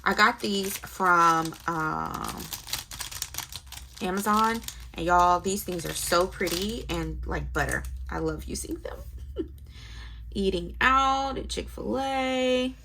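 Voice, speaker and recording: Young woman chatting thru her budget planner, low-ish gravelly voice, mumbles numbers to herself. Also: slow pace, background noise. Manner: chatty, thinks aloud while writing, mutters numbers to herself. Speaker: planner vlogger. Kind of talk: casual narrated planner setup.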